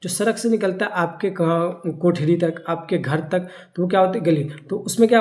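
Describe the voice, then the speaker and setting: A grammar teacher, giving a lecture in which they keep asking rhetorical questions, answering them and repeating key terms slowly. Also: mid-range voice. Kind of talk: classroom-style grammar lecture.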